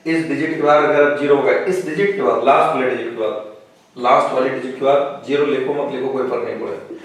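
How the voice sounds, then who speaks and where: A man's voice: mid-range voice, steady tone, fast talker. A man teaching a physics lesson in a classroom, working through problems step by step and often checking with his students. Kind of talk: classroom lecture. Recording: echoey room, voice from a distance.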